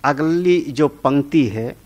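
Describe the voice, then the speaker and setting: Slow, fairly high-voiced male preacher. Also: darkish tone. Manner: conversational, often checking with listeners; tells homely stories. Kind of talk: sermon on scripture.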